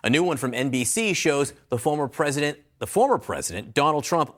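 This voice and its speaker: A male news anchor reading a broadcast report in a crisp, measured newscaster style. His pitch moves in a lively way around an ordinary middle register.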